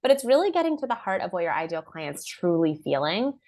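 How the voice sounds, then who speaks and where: A young woman leads an online marketing class in a chatty, upbeat way. Her voice sits a little low for a woman, and she jumps up in pitch for quick acted-out asides. She uses a lot of "like" as she talks. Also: very animated, a little mellow. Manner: upbeat and conversational, heavy use of "like"; acts out clients' and buyers' lines in a raised voice. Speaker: marketing workshop presenter.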